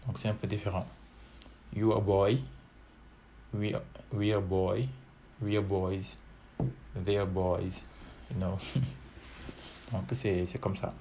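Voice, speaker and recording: A man with as his talks through an English grammar lesson very slowly, hesitating often and repeating each form. His voice sits a little low. A faint hiss runs under the recording. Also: level tone, dark tone. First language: French. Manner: slow and hesitant, many fillers, repeats each form several times. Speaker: English teacher. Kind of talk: bilingual online lesson, switching between French and English.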